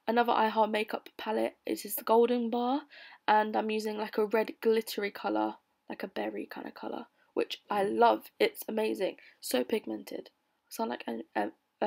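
A young British woman narrates a casual beauty tutorial. She sounds bored and low on energy, with a slightly high voice that often drops into heavy creak. Her delivery is informal and unhurried in feel, like a vlogger chatting over her own footage. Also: a little mellow. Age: young adult. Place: bedroom, voice-over recorded lying on bed.

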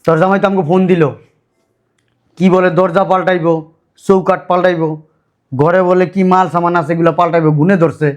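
Man, brisk scolding brother in a village drama. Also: sits high, flat delivery. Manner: loud, scolding, rustic. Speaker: brother in a family skit. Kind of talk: Bangladeshi village drama acting.

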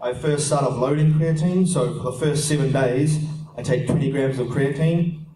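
Answering questions from the crowd, this young New Zealander talks fitness in an easygoing Q&A, his medium-pitched voice moving at a moderate clip and dotted with frequent "um"s. He's in a large, reverberant expo hall, and though he holds a mic, the recording comes from a far-off camera that picks up echo and a little background noise.

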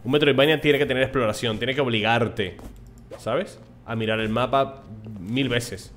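A man's voice: mid-range voice, moderate pace, fairly bright tone, soft background music. A young man with a Spain Spanish accent chatting casually and swearing lightly as he plays through a game. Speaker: gameplay streamer. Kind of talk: casual let's play commentary.

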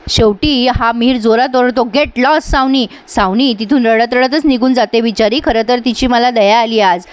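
A woman's voice: a little high, steady tone, normal speed, clean tone, dry recording. A woman giving a chatty recap of a TV serial episode, talking straight to her viewers. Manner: chatty, addresses viewers directly. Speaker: TV serial reviewer.

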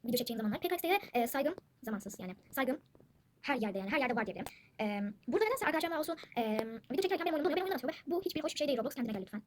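A high-pitched young woman rattling off quick, chatty gameplay commentary and calling out to her viewers again and again. She is recorded at home, with siblings' chatter clearly audible in the background. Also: expressive, slight background noise. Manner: chatty, addresses viewers constantly. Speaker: gaming channel host. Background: siblings talking in the background.

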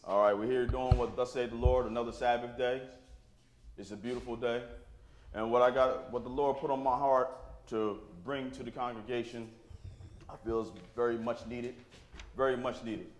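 Call-and-response preacher in an echoey church. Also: male voice, mid-range voice, fairly even intonation, moderate pace, a little hiss or hum. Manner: call-and-response, asks the congregation "right?"; plain-spoken, informal grammar. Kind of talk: sermon. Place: church sanctuary.

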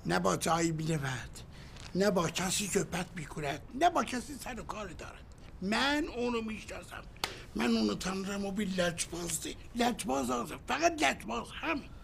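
A man's voice: high voice, animated, vocal fry, fairly bright tone, a little hiss or hum, full character voice. An actor playing an older man, a hotel guest who complains emphatically about his stubborn wife. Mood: exasperated.

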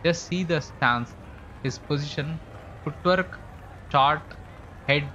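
An Indian man live-streams a cricket game from an indoor setup, chatting casually in a fairly high, slow, sharp voice. He jokes and boasts playfully. The audio is slightly dull, with faint game sounds underneath.

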